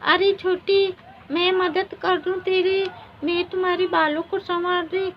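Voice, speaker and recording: A woman's voice: very high voice, little pitch movement, a little slow, slight background noise. A woman doing a meek, mistreated elder wife. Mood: pleading. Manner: pleading, tearful. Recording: dull lo-fi recording.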